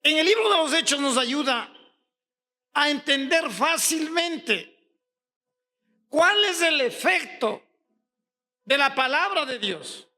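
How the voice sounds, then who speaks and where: A pastor from Ecuador preaching a sermon, firing rhetorical questions at the congregation and rising to shouts on key points. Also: male voice, very high-pitched, expressive, slow pace, pauses often.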